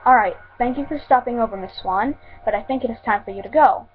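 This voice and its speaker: Girl reading as a bossy mom figure, brisk and commanding, tinny phone-ish sound. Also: fairly high pitch, natural voice.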